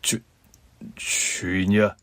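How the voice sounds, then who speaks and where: In this radio-drama story, a callous middle-aged father grumbles in a low, gruff voice, brushing people off without apology, as a male narrator puts him on. The recording is dry and close. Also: level tone, very slow, a bit bright, no echo, exaggerated voice. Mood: hesitant.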